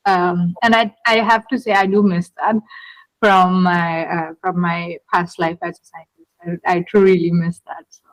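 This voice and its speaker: A woman's voice: lowish voice, level tone, a little slow, no room sound, rough recording. Effusive woman podcast host, dry sound. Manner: enthusiastic, effusive, repeats herself. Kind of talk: casual interview chat.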